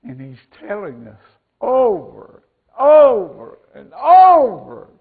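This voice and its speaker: A male pastor preaching a sermon into a pulpit microphone, slow and deliberate, dropping to a hush and swelling up again. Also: very high-pitched, wildly swooping pitch. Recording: tinny lo-fi church recording.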